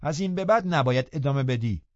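A man's voice: mid-range voice, animated, a little mellow, no echo, pitched above the performer's own voice, natural voice. A man reading an audiobook voices a blunt older housekeeper woman who scolds in a firm, outspoken way. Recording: slightly dull, muffled recording.

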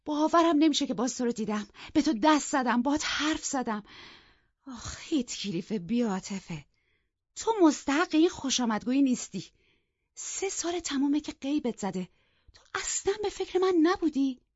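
A woman voicing an impassioned young woman who exclaims in a high, loud voice, in a dull, lo-fi recording. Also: animated, no echo. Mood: overjoyed. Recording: dull lo-fi, dry.

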